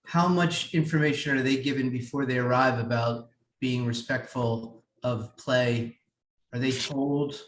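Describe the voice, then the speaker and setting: A man volunteering as an usher, asking curious, quick follow-up questions. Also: mid-range voice, fairly even intonation. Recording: echoey distant call audio, faint noise.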